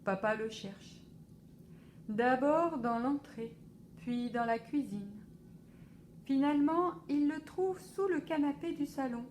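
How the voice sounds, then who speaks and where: A woman reading a children's picture book aloud for a library, slow and expressive. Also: sits high, slight background noise. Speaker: library storyteller.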